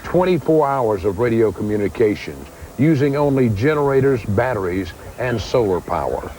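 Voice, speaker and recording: Animated man narrating a news feature. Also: medium pitch, normal speed, a little hiss or hum, poor audio. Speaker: TV feature reporter.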